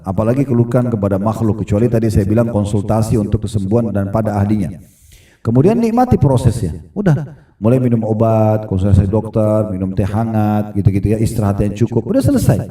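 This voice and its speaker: A man's voice: fairly low pitch, dark tone. A man giving a conversational Islamic lecture to a gathered audience, often checking that listeners agree. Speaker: Islamic preacher. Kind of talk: religious lecture. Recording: echoey room, voice from far off.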